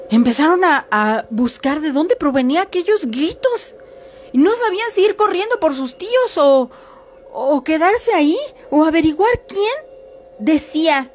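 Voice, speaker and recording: A woman telling a horror story for a podcast, chatty, with fillers and asides to listeners. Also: high-pitched.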